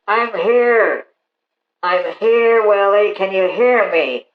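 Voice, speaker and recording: A man voicing a touchy caller, talking through a cardboard tube, hollow echo, muffled sound, high-pitched for a guy. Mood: plain, defensive. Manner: defensive, quickly takes offense. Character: touchy male caller who hates being talked over. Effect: talking through a paper towel tube.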